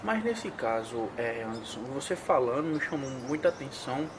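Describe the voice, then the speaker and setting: A man's voice: mid-range voice, big pitch swings, normal speed, background noise. A man, hosting an interview and probing with questions laid out step by step. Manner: probing, lays out cases step by step.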